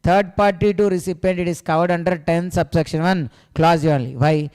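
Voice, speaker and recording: South indian guy teaching an exam class, clean highish voice, asks and answers his own questions, lots of echo. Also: fairly even intonation, moderate pace, darkish tone, clear, resonant tone. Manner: repeats key phrases, often addresses listener as sir. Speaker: tax exam coaching teacher. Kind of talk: revision lecture with self-answered questions. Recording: echoey hall-like reverb.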